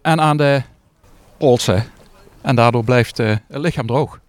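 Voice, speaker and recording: A man, a diver, answers questions modestly and hesitantly while standing outdoors by a lake. He pauses often as he explains. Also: medium pitch.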